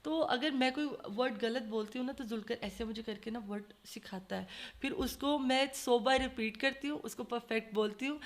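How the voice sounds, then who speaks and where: A woman with a Lahori accent speaks as a guest in a relaxed conversation. Her voice sits slightly high. She talks earnestly and in an advising tone, pressing her point home. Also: hardly any pauses. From Lahore, Pakistan. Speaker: guest, social media creator. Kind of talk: casual chat.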